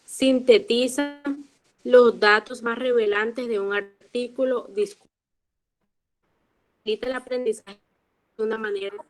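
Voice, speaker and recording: A woman student reading aloud slowly and haltingly in an online class, her audio breaking up and cutting out over a video call. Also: fairly high pitch, fairly even intonation, rough recording. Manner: slow, halting reading with restarts. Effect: choppy, breaking-up video call audio.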